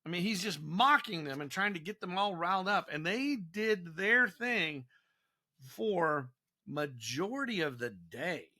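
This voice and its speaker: A man teaching scripture on a devotional podcast, talking in an animated way and often repeating and restarting words. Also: sits high, a little slow.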